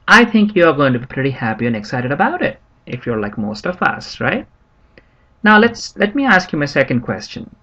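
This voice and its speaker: Friendly male lesson host. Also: on the high side. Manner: friendly, addresses viewers as friends, lively rising emphasis. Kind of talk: introductory maths lesson. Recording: dull lo-fi voice-over.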